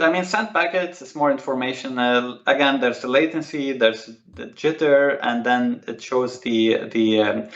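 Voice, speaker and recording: A man's voice: mid-range voice, a bit bright. Enthusiastic man explaining over a roomy call. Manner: enthusiastic, repeats words, says "amazing" often. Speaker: Microsoft Teams expert guest. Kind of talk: casual technical walkthrough on a video call. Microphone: video call. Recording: roomy, dull lo-fi call audio.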